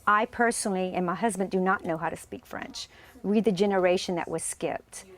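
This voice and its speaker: A middle-aged woman speaks at a medium pitch. She talks like a teacher being interviewed, explaining things in a plain way. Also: a little fast. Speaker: fourth grade teacher. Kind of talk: interview talk.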